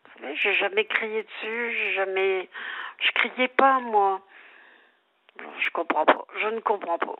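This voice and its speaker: A woman's voice: mid-range voice, measured pace. An older woman calling in to a radio show over the phone, rambling and repeating herself as she tells a family problem. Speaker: caller. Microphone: telephone. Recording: dull phone line.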